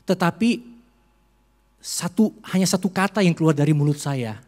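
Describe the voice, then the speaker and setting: A man's voice: a little high, lively intonation, moderate pace, a little mellow, big-room sound. A male pastor preaching a heartfelt sermon in a church, telling a personal story to his congregation. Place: church sanctuary during a service.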